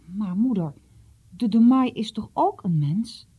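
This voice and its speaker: An earnest, troubled schoolboy from a storybook pleads and stammers in a lifted, higher voice, as a woman reads him. The tone stays dark and husky underneath. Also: expressive, a little slow. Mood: pleading.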